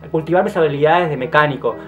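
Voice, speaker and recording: Faint guitar music sits behind this Rioplatense-accented man in his twenties, who vlogs a relaxed monologue straight to camera. His speech tumbles out at high speed, full of restarts and repeated words, effusive and playful, sometimes sinking into quiet, soft asides. The audio is narrow and tinny.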